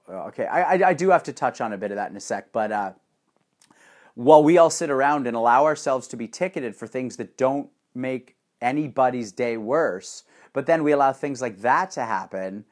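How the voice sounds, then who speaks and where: A man delivering a profane, sarcastic ranting monologue with animated swings in energy. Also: medium pitch.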